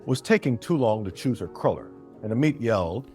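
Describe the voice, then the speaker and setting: A man narrating a fantasy story in a steady, descriptive way. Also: mid-range voice, fairly quick, slightly rough, soft background music.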